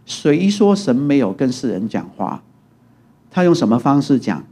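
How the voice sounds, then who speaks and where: A middle-aged man preaches a sermon in a church sanctuary. His voice is mellow and a little husky, at a medium pitch. He keeps it conversational, often asks the congregation to agree, and throws himself into acted-out quotes. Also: moderate pace. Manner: animated, acts out quotes with rising pitch and loudness. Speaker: pastor.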